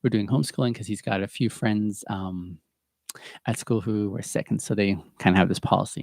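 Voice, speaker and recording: Low, gravelly-voiced man chatting warmly. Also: no echo, studio quality. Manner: chatty and earnest, laughs often at himself. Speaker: podcast host. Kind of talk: casual reflective monologue. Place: at home.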